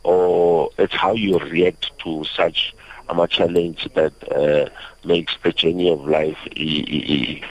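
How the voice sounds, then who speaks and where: A young man with a South African accent speaks in a very low voice. He answers in a halting, reflective way as an interview guest. The radio audio is slightly dull. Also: flat delivery, no echo. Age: young adult. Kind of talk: personal account in a radio interview.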